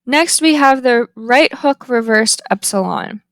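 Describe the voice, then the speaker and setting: Slow, deliberate woman teaching phonetics. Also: on the high side, expressive, dry recording. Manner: slow and deliberate, drawing out example words. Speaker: phonetics instructor. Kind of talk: slide-based lecture.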